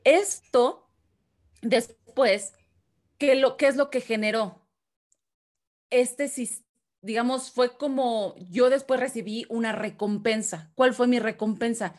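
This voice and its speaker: A woman's voice: a little high, fairly even intonation, takes it slowly. A woman with a Mexican Spanish accent, talking casually as a guest and explaining with questions to her listener. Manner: chatty, explains with questions and restarts. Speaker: guest speaker. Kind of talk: explanatory conversational talk.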